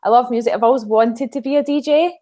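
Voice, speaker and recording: A woman's voice: on the high side, quick pace, warm tone. A woman hosting a live online broadcast, bubbly and giggly, introducing her guests with many ums. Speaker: live-stream host.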